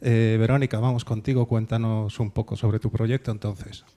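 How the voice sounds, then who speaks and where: A man moderating a round-table discussion, introducing the guests in a measured way with small hesitations. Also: fairly low pitch, little pitch movement, warm tone.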